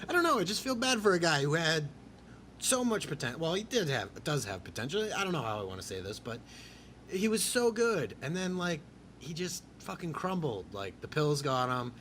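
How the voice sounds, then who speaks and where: A man hosting a podcast in casual chat, rambling and excitable with crude jokes. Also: on the high side, moderate pace, a little hiss or hum. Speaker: podcast host.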